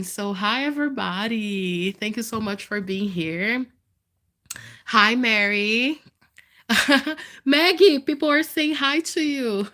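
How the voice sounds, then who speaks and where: Woman, thirties, nasal from congestion, candid chatty live update, bright voice. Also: mid-range voice. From Canada. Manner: candid, chatty, greets viewers. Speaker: vlogger.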